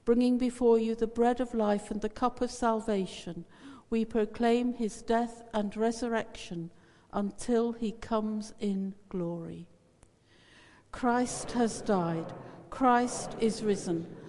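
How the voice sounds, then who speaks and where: A woman priest leads communion in a measured, solemn intoning voice, heard in a long cathedral echo. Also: a little high, fairly even intonation, warm tone. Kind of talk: reciting a liturgical prayer. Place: large church. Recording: cavernous church reverb, distant.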